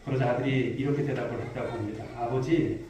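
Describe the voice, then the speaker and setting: A man's voice: fairly high pitch, lively intonation, fairly quick, dark tone, a little hiss or hum. A male pastor preaching a sermon to his congregation, asking questions and telling stories. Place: large church sanctuary. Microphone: distant mic in a reverberant hall. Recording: very echoey hall, voice from far off.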